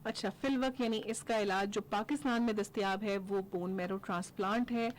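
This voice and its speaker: A woman's voice: mid-range voice, steady tone, a little hiss or hum. A young woman from Pakistan hosting a radio studio interview, articulate and summarizing, with frequent affirmations. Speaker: radio host.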